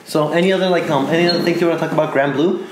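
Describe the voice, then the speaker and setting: Fast-talking man in an echoey room. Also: fairly high pitch, fairly even intonation, background noise. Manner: quick, laughing, steers the talk with questions. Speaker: podcast co-host. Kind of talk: casual review chat.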